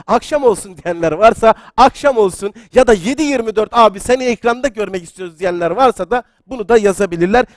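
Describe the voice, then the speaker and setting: A man hosting a live-streamed quiz show, chatty and excitable, reading out viewer comments and sometimes getting loud. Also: high-pitched, no echo, studio quality. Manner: excitable, gets loud then apologizes.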